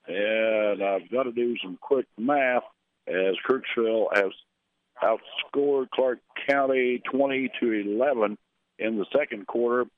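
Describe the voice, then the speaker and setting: A man, announcing a local radio basketball broadcast and reading scores and schedules in a conversational way. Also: medium pitch. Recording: narrow phone-like radio sound.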